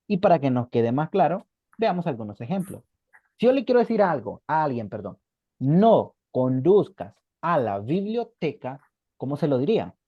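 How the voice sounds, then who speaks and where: Patient male teacher, lively, dry muffled call. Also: on the high side, husky, no echo. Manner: patient, repeats examples slowly, checks in with "ok?". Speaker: English teacher. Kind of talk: online beginner English class, explaining in Spanish.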